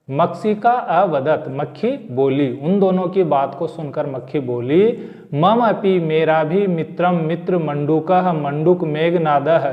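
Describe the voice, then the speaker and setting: A man teaching a Sanskrit lesson, reading each word and explaining it, then restating the whole sentence. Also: fairly high pitch. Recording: lo-fi with long reverb.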